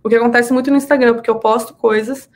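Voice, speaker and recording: Her voice a little high and her intonation fairly even, a woman speaks fast with a southern Brazilian accent. As a podcast guest she shares personal stories casually and emphatically, repeating words for emphasis.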